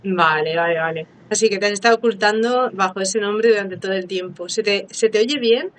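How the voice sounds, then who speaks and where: A woman hosting a live online interview, chatty and playful and quick to laugh. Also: mid-range voice, rough recording. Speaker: interviewer and live stream host. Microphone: phone, live video stream.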